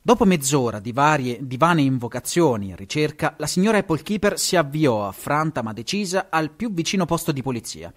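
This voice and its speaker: Animated Italian man reading a story. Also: fairly high pitch, a little fast, few pauses. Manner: lively, stumbles and corrects himself, chuckles at asides. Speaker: podcast host and story reader.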